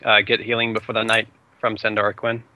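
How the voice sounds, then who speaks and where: A man's voice: lowish voice, monotone, quick pace, dull audio. A man chatting casually in character as a player in a tabletop role-playing game.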